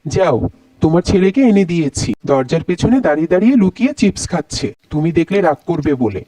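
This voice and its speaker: A gentle cartoon dad. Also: male voice, on the high side, lively intonation, fast talker, no echo. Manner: mild and coaxing. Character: gentle, patient father of a young boy. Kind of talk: cartoon voice acting.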